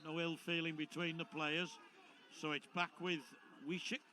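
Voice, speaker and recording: A man giving live play-by-play football commentary, rising to excited shouts when play gets tense. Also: on the high side, moderate pace, a little hiss or hum. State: out of breath.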